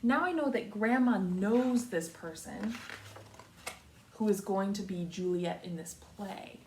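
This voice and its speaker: An American woman with a mid-range voice, a kindergarten teacher, reads aloud to young children, using simple, deliberate phrases and repetition. The recording has a roomy echo, a distant mic and faint noise.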